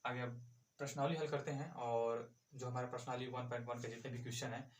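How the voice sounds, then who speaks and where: A man's voice: mid-range voice, flat delivery, fast talker. Man teaching math in an echoey room. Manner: asks and answers his own questions. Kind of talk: classroom math lesson.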